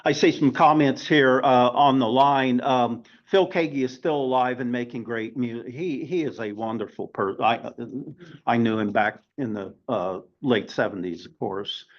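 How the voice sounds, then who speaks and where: Halting older man lecturing a class. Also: medium pitch. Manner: halting, many filler sounds. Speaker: class teacher. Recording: dull lo-fi recording.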